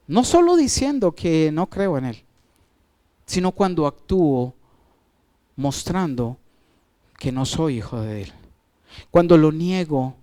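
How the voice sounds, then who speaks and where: A male pastor preaching a sermon, asking the congregation questions, stretching out key words and letting his phrases fall away quietly. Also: clear, resonant tone. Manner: asks the congregation questions and answers them; wide swings of pitch and loudness, trailing off at phrase ends.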